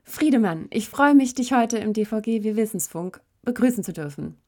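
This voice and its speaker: A woman hosting a podcast, reading a clear, scripted introduction and questioning her guest. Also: fairly high pitch, animated, moderate pace, a little mellow. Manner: clear, read-out phrasing. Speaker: podcast host.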